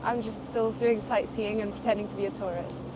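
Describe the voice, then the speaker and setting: A woman's voice: medium pitch, level tone, normal speed. Young woman with a British-tinged accent, on a noisy street. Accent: British-tinged English. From Portugal. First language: French. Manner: chatty, hesitant with frequent fillers and small laughs. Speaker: interviewee, graduate student. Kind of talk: casual street interview. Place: outdoors on a city street, traffic behind. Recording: outdoor street noise.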